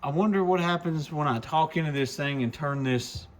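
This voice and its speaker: Talking at a normal speed over heavy background noise, a shop presenter with a slightly high male voice demos gear for his regular viewers. His delivery is casual, folksy, informal, and enthusiastic.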